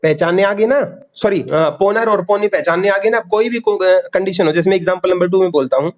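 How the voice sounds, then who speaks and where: A male teacher giving an online class lecture, calling students "beta", drilling key terms and quizzing them for quick answers. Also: high voice.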